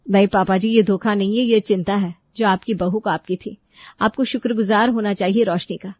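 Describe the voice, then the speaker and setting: A calm, caring young daughter-in-law patiently explains herself to her family in a cartoon story, as a woman plays her. Her voice is soft, dry and close. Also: mid-range voice, normal speed, no echo, lo-fi sound, lightly acted. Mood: calm explaining.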